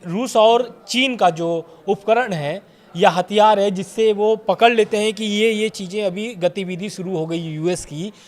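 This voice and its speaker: A man working as a news anchor on a studio panel, asking steady, leading questions. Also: high voice, a little slow.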